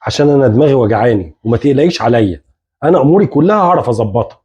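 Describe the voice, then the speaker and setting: A man acting a self-centred husband in a domestic skit, speaking Egyptian Arabic with a husky, rough-edged voice. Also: medium pitch, lively intonation, very fast, mellow. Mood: irritated, dismissive. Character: self-centred husband, dismissive, needy when unwell.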